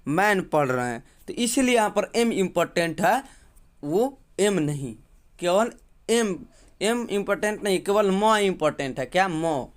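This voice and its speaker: A man's voice: sits high, animated. A man teaching an English phonics lesson, repeating points and asking the viewer questions. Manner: slow, drawn-out letter-by-letter spelling.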